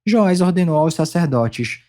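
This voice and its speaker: A man reads scripture aloud in a warm, mellow voice that sits a little high for a man. His delivery is steady and measured, with clear pauses between phrases. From Brazil. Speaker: Bible reader.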